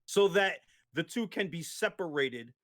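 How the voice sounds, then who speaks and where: A man with a somewhat high voice lays out his point in a long, casual debate. He keeps restarting his sentences and checking in with "right?" as he goes. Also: animated, unhurried, a bit bright. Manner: explains at length, many restarts and tag questions. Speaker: guest.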